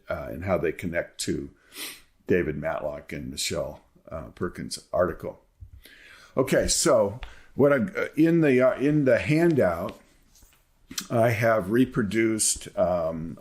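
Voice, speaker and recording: Low-voiced methodical male lecturer. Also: a little mellow. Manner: methodical, lays out points in numbered parts. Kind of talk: academic lecture.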